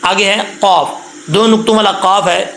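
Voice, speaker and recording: A man teaching Quran recitation step by step. He explains patiently, checks in often and stretches out the recited words slowly. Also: high voice, fairly even intonation, fairly bright tone, reverberant, a little hiss or hum, rough recording. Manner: drawn-out, slow chanted recitation of words.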